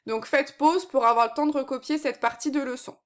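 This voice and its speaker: A woman with a high voice teaches a recorded maths lesson. She explains patiently, one step at a time, and fills her sentences with small verbal fillers. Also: fairly even intonation, a little fast.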